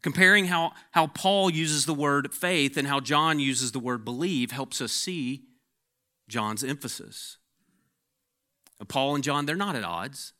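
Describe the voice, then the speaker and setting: A man preaching a sermon, swinging between emphatic peaks and hushed, intense passages, sometimes repeating words as he starts a phrase. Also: medium pitch, measured pace. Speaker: pastor.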